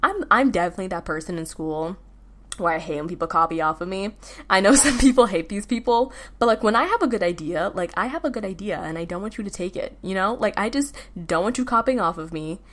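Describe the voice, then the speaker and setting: A woman's voice: mid-range voice, animated, fast talker, a bit bright. A teenage girl hosting a casual solo podcast, rambling with lots of fillers and restarts. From United States. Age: teens. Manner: rambling, filler-heavy, self-interrupting. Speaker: podcast host.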